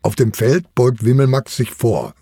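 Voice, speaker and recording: A man's voice: medium pitch, lively intonation, a little slow, dark tone, husky, no echo, clean studio sound. A man narrating a children's audio story as the children's uncle, in a storytelling manner.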